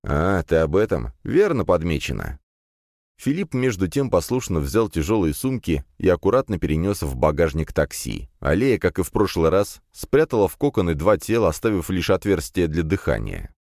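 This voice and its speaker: A man narrating a fantasy audiobook in the first person, in a lively storytelling manner. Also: sits low, brisk, few pauses, dry recording. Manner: lively storytelling with acted dialogue. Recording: dry close studio.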